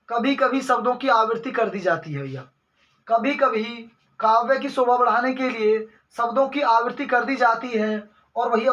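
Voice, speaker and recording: Bright high-voiced male Hindi teacher. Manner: asks the class questions and answers them himself, repeating phrases; calls the listeners brother again and again. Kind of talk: exam-prep Hindi grammar lesson. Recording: dull lo-fi recording.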